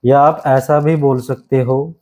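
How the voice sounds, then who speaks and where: A man with a mellow, warm voice teaching grammar to exam candidates. He talks at a middling pitch and slows right down to repeat each phrase for dictation. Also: steady tone, low-quality recording. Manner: repeats key phrases slowly for dictation, keeps calling the class "my friend". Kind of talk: exam-prep classroom lesson.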